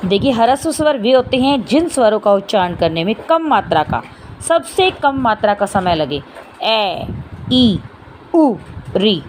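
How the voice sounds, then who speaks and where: A woman teaching a lesson, asking questions and answering them herself and saying the sounds out slowly. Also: on the high side, sing-song, slight background noise, poor audio. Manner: says vowel sounds aloud, drawn out. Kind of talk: classroom lesson.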